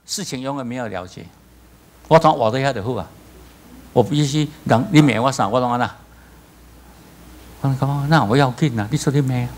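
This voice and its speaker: A male pastor with a Taiwanese accent preaching a sermon, telling stories with lively acted-out voices. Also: medium pitch, brisk, pauses often. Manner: animated storytelling, acts out voices, laughs.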